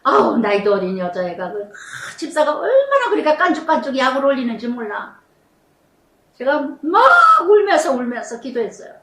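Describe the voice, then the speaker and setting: A middle-aged woman pastor tells her own story from the pulpit in a high, swooping voice. She slows right down to stress the phrases she repeats. The sound is roomy and picked up from some distance in a church. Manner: animated storytelling, dramatic slow emphasis on repeated phrases. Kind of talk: sermon with personal testimony. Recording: echoey room, mic at a distance.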